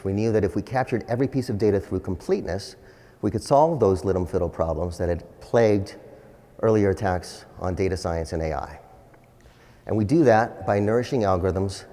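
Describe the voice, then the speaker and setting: Guy doing a ceo keynote, polished corporate enthusiasm, lowish mellow voice, echoing big hall. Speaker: chief executive giving a keynote. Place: large indoor hall, on stage. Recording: large hall with long reverb.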